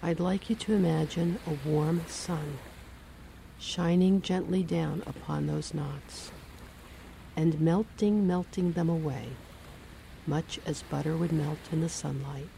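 Low calm woman reading a relaxation script real slow, soothing. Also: creaky, a little hiss or hum, low-quality recording. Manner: slow, soothing, measured phrasing. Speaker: hypnosis guide.

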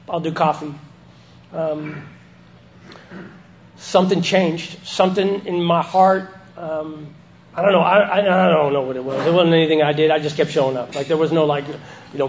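A man speaking through missing front teeth, giving halting, self-deprecating, sweary personal testimony as a speaker at an informal recovery meeting. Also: on the high side, slight background noise.

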